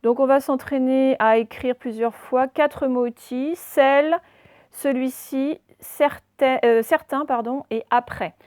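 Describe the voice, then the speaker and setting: A woman teaching a dictation lesson, slowly spelling out words letter by letter for her pupils. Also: sits high, steady tone, a little mellow, no echo, studio quality. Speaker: primary school teacher.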